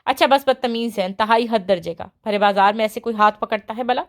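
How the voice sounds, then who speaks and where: A woman voicing an impulsive, hot-tempered young heroine in an audiobook, with quick exasperated retorts. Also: a little high, close to an everyday voice. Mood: indignant.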